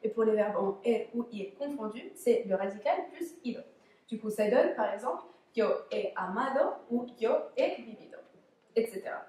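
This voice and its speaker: A woman's voice: on the high side, expressive, normal speed, mellow. A young woman explaining verb conjugations in a casual, patient way, with frequent hesitations and restarts. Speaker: language teacher. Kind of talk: explaining Spanish grammar in French.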